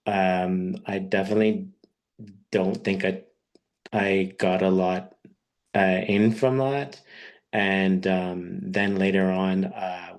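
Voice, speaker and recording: A man in his thirties gives a personal talk on a video call. His voice sits very low and stays quite flat. He tells his story haltingly, taking his time. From born in Peru, raised in Quebec, Canada. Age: 30s. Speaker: guest speaker. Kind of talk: personal talk on an online webinar.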